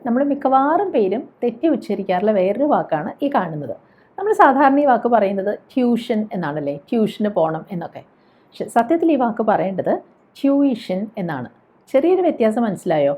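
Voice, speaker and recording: Woman from kerala, english pronunciation teacher, careful slow repetition of words, mid-pitched voice, slightly dull recording. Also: sing-song, breathy edge. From Kerala, India. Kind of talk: pronunciation lesson.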